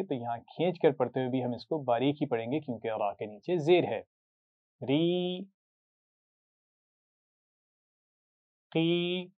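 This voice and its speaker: A man teaching a Quran recitation lesson, patiently drilling short syllables for students to repeat, with a Pakistani Urdu accent. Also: medium pitch. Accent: Urdu-speaking, Pakistani. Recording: tinny phone-like sound.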